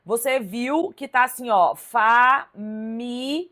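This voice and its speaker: A Brazilian woman teaching a live online class, correcting exam questions in a lively, emphatic way and talking straight to her viewers. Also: on the high side, moderate pace. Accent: Brazilian Portuguese. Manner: lively, emphatic, addresses viewers directly with "ó" and "tá vendo?". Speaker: Portuguese teacher.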